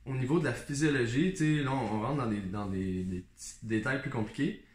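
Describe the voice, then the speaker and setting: Fast-talking Québécois man. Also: mid-range voice, echoey room. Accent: Québécois French. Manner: explains in detail with self-mocking jokes. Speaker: nutritionist co-host. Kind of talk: casual chat.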